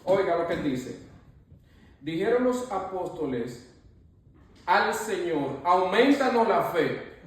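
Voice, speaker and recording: Man, bible study speaker, emphatic and repetitive, high voice, heard far off in a roomy hall. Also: sing-song, slow pace, pauses often, a little hiss or hum. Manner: emphatic, repeats phrases, often turns to the pastor. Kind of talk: preachy teaching. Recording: echoey room, far from the mic.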